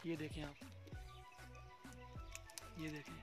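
A man's voice: on the high side, completely flat delivery, takes it slowly, music in the background. A young man vlogging outdoors in a date palm farm, chatting casually and pointing things out to viewers while filming with a handheld phone. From Pakistan. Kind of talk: casual walking tour vlog.

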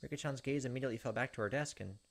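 A let's play host with a medium-pitched, creaky voice races through visual novel narration, reading it aloud with asides. The close desk microphone picks him up over game music.

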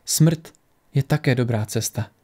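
A man voicing an ancient magical wellspring that grants destinies, speaking slowly and solemnly. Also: mid-range voice, mellow, close to an everyday voice. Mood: calm.

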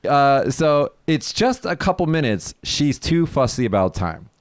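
A man's voice: a little high, big pitch swings, a little slow, clean tone. A man co-hosting a casual chat show, explaining things to listeners and laughing often. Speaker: podcast co-host.

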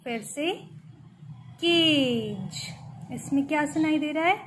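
A woman's voice: high voice, a little fast, background noise. A woman teacher with an Indian English accent, giving a grammar lesson to young children and spelling words out letter by letter while switching between English and Hindi.

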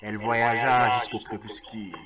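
A man, a radio host who reads a story aloud in a slow, deliberate way and sometimes stops to restart a phrase. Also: lowish voice, little pitch movement, crowd noise. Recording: loud hiss, radio broadcast.

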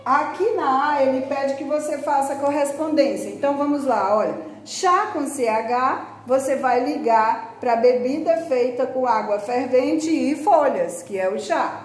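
A woman's voice: sits high, a little slow, hardly any pauses. A woman teacher with a Brazilian Portuguese accent giving a grammar lesson to children, patiently repeating words and calling on her pupils. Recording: very echoey room, faint background noise.

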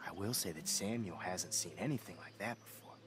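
An actor playing an eccentric, dreamy janitor in a video game, with a slow, ominous drawl and a breathy rasp. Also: male voice, sits low, lightly acted. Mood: cryptic, musing. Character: eccentric, dreamy janitor who loves animals. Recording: game music over the voice.

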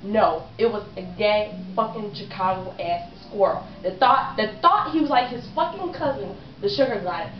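A woman's voice: medium pitch, lively intonation, moderate pace, hardly any pauses, reverberant, slight background noise. A woman telling a comic story to her cousins in a casual, profane way, often breaking into laughter, recorded from a distance in a lo-fi home video.

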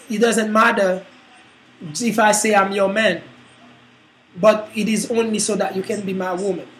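A man's voice: high voice, a little hiss or hum, close to an everyday voice, low-quality recording. A man doing a devoted suitor proposing. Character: devoted steadfast man proposing to his love.

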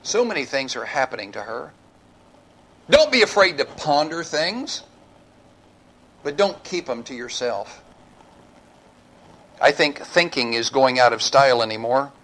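Slow-preaching man pastor, sermon. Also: mid-range voice, sing-song, poor audio. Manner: preaching with rising emphasis, then a hushed altar call. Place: church sanctuary.

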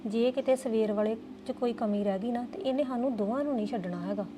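A woman's voice: fairly high pitch, fast talker, background noise. A woman playing a young woman in a family drama, complaining and defensive. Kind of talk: Punjabi family drama dialogue.

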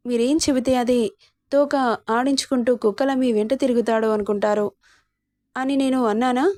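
A woman's voice: fairly high pitch, steady tone, normal speed, warm tone, dry recording, lightly acted. A woman voicing a short-tempered young husband who speaks curtly in a storybook romance. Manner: curt, cold.

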